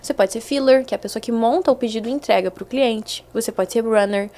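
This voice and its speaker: A woman's voice: fairly high pitch, quick pace. A young adult woman, telling stories as a guest in a casual podcast chat and acting out the voices she quotes. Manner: animated, acts out quoted voices.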